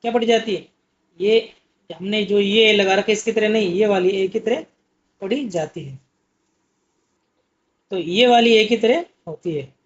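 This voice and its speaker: A man's voice: sits high, a little slow, pauses often, a little hiss or hum. Patient male Urdu teacher, muffled audio. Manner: explains patiently, asks questions and answers them himself. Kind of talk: exam-prep lesson.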